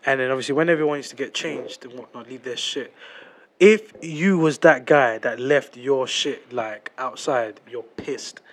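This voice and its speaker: A man's voice: medium pitch, moderate pace. A young man with a London roadman accent, chatting casually as a podcast co-host in heavy slang, often repeating himself and exclaiming. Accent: London roadman, urban slang. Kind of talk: casual banter, reminiscing.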